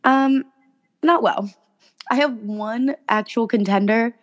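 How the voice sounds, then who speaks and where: A young woman co-hosting a casual chat, with a raspy voice from being sick and slangy talk full of "like". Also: a little high, slow pace. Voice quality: smoker-like rasp. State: sick with a cough, voice roughened. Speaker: podcast co-host.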